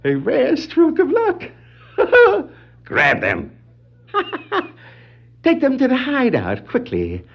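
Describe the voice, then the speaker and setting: An actor playing a gleeful, vengeful crime clown who gloats theatrically and cackles, in a 1960s superhero audio drama. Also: male voice, very high-pitched, huge pitch swings, drawn-out words, vocal fry, long pauses, full character voice. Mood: gleeful, gloating. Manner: frequent wild cackling laughter, theatrical gloating. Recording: vintage dull lo-fi vinyl record, music.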